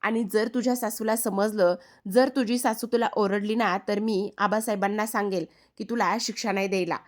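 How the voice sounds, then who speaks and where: A woman's voice: mid-range voice, fairly even intonation, moderate pace, lightly acted. A woman voicing a spirited, playful young girl who coaxes and teases her friend insistently. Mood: coaxing. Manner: coaxing, teasing insistence.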